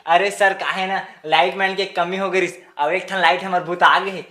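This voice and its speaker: An actor playing a placating podcast host with a Chhattisgarhi accent, agreeing quickly and repeating phrases in a comic mock interview. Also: mid-range voice, steady tone, natural voice. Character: placating, flattering podcast host humouring a drunk guest. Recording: loud music over the talk.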